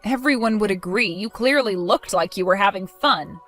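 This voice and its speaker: A woman's voice: mid-range voice, moderate pace, fairly bright tone, faint music behind, natural voice. A woman voicing a protective young mother in a dramatized story, accusing and sarcastic.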